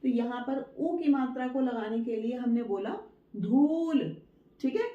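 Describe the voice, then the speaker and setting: A woman teaching a writing lesson, patient and repetitive, stretching words out slowly syllable by syllable to show how they sound. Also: on the high side, roomy sound, phone-quality sound. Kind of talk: Hindi dictation lesson.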